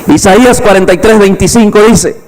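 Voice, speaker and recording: Male pastor, high voice, emphatic preaching, rhetorical questions, reverberant church hall. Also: moderate pace, darkish tone. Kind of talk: evangelistic sermon.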